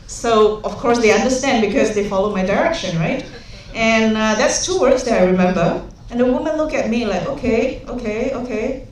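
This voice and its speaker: Speaking at a normal pace in a fairly high voice, this young Singaporean woman jokes her way through a conference talk full of anecdotes and filler words. The mic sits far from her in a reverberant hall, and a little background noise comes through.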